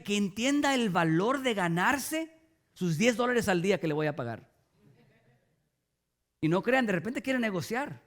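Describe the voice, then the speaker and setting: A man's voice: high voice, fairly bright tone. A middle-aged man, preaching a sermon as a pastor and often asking the congregation rhetorical questions.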